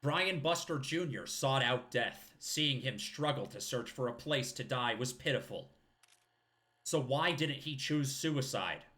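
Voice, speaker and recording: A man's voice: mid-range voice, pushed and bright. A man with a scratchy throat voicing a brooding young male hitman's reflective monologue from a game.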